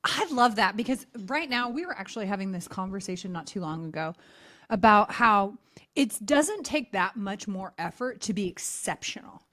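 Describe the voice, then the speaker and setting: A woman's voice: mid-range voice, expressive, normal speed, fairly bright tone. A woman co-hosting a podcast interview, upbeat and asking probing questions. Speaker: podcast co-host.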